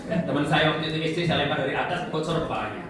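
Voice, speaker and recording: Speaking very fast in a slightly high voice, a Central Javanese evangelist preaches as a guest before a congregation, keeping his sermon personal and chatty and tossing out rhetorical and tag questions. The hall echoes, the mic is distant, and the audience can be heard.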